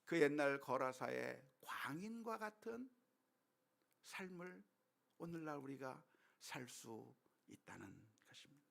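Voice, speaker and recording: Male pastor, sermon delivery: high, bright voice, hushed asides building to passionate rhetorical questions. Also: sing-song, measured pace, gravelly. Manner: swings from soft hushed passages to loud impassioned exhortation.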